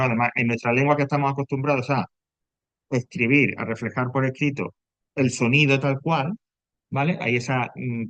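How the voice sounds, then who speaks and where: A man's voice: mid-range voice, no echo. A man from Andalusia with an Andalusian accent, a teacher explaining grammar in class and often checking that students follow. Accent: Andalusian Spanish. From Andalusia, Spain. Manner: explanatory, keeps checking with "right?". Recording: dull, dry, muffled.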